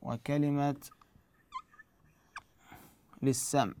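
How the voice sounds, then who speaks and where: Gravelly Iraqi man teaching recitation. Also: mid-range voice, steady tone, drawn-out words, mellow, a little hiss or hum. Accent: Iraqi Arabic. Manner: patient step-by-step explaining, asks and answers his own questions. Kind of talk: explanatory lesson.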